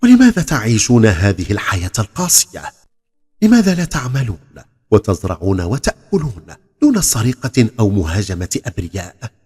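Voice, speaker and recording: A man's voice: medium pitch, sing-song, a little fast, darkish tone, breathy edge, faint music behind. A man voicing a brave, pious young lad in a storybook tale, speaking earnestly and formally. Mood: bold, challenging. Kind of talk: storybook character acting. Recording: long hall reverb on the voice.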